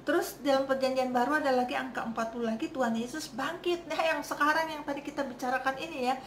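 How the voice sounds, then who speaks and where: A woman's voice: fairly high pitch, fairly bright tone, reverberant, slight background noise. Chatty woman teaching a Bible lesson. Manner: chatty, repeats "ya" and "begitu ya" often, laughs. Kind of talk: casual Bible lesson for children.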